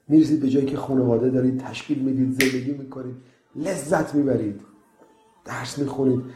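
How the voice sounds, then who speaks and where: A man preaches to young listeners in an earnest, urging way, breaking into story. His voice is mellow and dark. The room echoes and faint music plays beneath him. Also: medium pitch. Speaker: preacher addressing young people. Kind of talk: motivational religious sermon.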